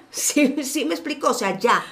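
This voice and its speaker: A woman with a high voice speaks slowly. She's a pastor co-hosting a casual faith podcast, telling animated stories sprinkled with slangy asides.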